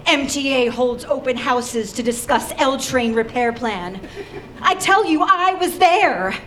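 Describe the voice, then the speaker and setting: A woman's voice: on the high side, a little slow, slight background noise, close to an everyday voice. A woman playing an aggrieved, melodramatic, struggling subway busker in a live comic radio play. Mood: haunted, dramatic.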